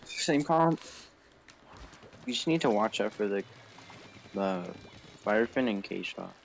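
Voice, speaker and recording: A man's voice: fairly low pitch, expressive, vocal fry. Man giving combat callouts, noisy audio. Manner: clipped, rapid tactical callouts. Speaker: player in a team video game match.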